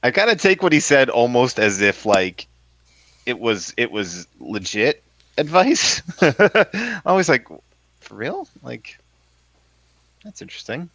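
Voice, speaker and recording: A man's voice: mid-range voice, sing-song, slow pace, a bit bright, no echo. A man playing a bard in a tabletop game, rambling and laughing, with lots of "like" and restarts. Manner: rambling, laughs often, many fillers. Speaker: player. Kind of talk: casual tabletop game chat.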